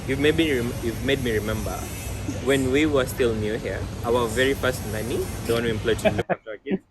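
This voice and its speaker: A man from Kenya hosting a podcast, chatting in a relaxed way and telling easygoing stories. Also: mid-range voice, fairly quick. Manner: relaxed, easygoing questions and anecdotes. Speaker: podcast host. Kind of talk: casual interview chat. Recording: noisy background.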